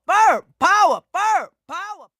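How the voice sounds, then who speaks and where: Boisterous cartoon zebra, very high, bright, slow drawn-out chanting. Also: male voice, very animated, no room sound, clean studio sound, heavily acted. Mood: rousing. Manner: shouting, chanting. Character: boisterous, upbeat male zebra leading a chant. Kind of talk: animated film character dialogue.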